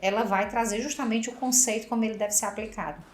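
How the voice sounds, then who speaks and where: A woman's voice: on the high side, fairly even intonation, fast talker, reverberant. A woman hosting a podcast interview, thanking her guest effusively and adding frequent "né?" tags. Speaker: podcast host. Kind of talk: casual interview chat.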